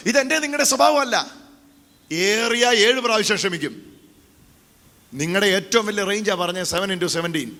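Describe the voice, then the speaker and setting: High bright-voiced man preaching in a hall. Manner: urging the congregation to repeat aloud. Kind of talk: call-and-response sermon. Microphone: handheld microphone. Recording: echoey hall reverb.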